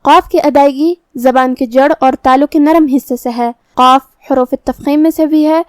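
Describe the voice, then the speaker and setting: A woman with a Pakistani Urdu accent calmly explaining Quran recitation rules step by step in a tajweed lesson. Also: sits high, no room sound.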